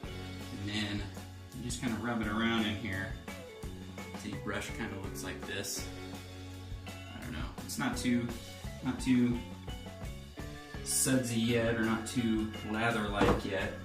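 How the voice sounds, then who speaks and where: At home in his bathroom, a man casually demonstrates his shave, joking, rambling, and thinking aloud as he works in a relaxed how-to chat. He has a lowish voice with a level tone and a measured pace, captured far from the mic in an echoey bathroom with faint music.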